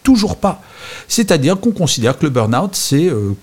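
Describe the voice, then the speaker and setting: A male host who talks with a lively, bouncing pitch. He is chatty and self-mocking, and he often stops to correct himself before carrying on. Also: a little fast. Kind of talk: live show hosting, casual chat.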